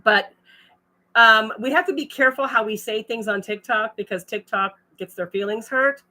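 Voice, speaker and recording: A woman's voice: fairly high pitch, moderate pace, bright, forceful tone. A woman hosting a casual livestream, chatting and reading viewer comments aloud with frequent laughs. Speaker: livestream host.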